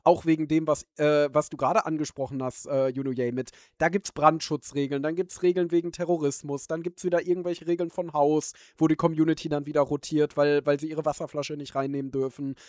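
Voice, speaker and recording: A man's voice: fairly high pitch, level tone, a little fast, hardly any pauses, a little mellow, no room sound, studio quality. A man hosting a podcast, talking thoughtfully with many fillers in casual chat. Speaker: podcast host.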